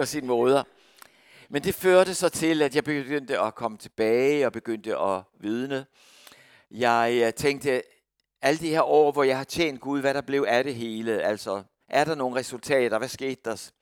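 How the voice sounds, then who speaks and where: A middle-aged man speaks as a missionary sharing his testimony. He tells it like a lively storyteller, with a voice of middle pitch. The recording is dry and close, with almost no room sound. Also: smooth, no echo. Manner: lively storyteller who acts out quoted voices.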